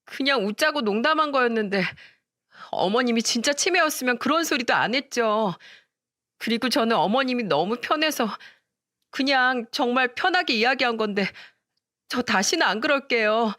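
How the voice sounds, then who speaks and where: A woman's voice: on the high side, lively intonation, normal speed, fairly bright tone, dry recording, studio quality, voice pushed up. A woman reading a story voices a rude, mocking young sister-in-law. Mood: pleading.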